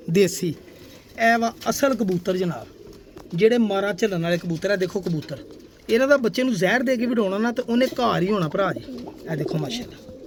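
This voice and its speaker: Showing off his pigeons, a man chats boastfully and casually to his viewers, addressing them as brother and sir. His voice is high-pitched, with a slight hiss or hum, and faint pigeon cooing and outdoor ambience fill the background.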